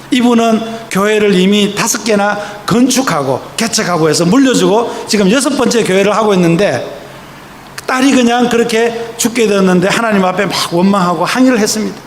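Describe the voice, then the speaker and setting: Fervent high-voiced male pastor preaching. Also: slight background noise. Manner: impassioned storytelling, slows and softens for quoted voices. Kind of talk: sermon. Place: church sanctuary. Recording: echoey church hall with faint ambience.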